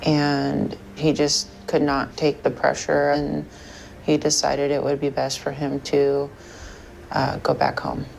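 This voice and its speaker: An American woman from Portland, Oregon speaks hesitantly about personal matters as a patient in a counseling session. Her deep voice is monotone, slow and darkish in tone. The rough recording carries clear background room noise.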